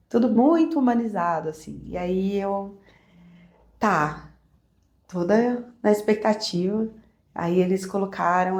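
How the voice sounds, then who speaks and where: A woman with a Brazilian Portuguese accent tells her own story as a podcast guest. She speaks in a reflective, emotional way with soft fillers, at a mid pitch. The room around her sounds echoey. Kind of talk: personal storytelling in conversation.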